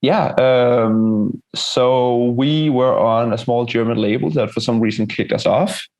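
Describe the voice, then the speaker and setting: A man with a gravelly voice, laid-back and a little hesitant, chatting casually in an interview as a band musician. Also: medium pitch, fairly even intonation, unhurried, darkish tone. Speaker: touring metal band musician being interviewed.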